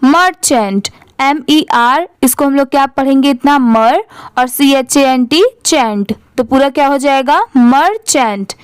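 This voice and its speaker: Lady english teacher, high voice, spells words out slowly + repeats them, dry close sound. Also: dry recording. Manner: patient, repeats each word and asks the class to say it back.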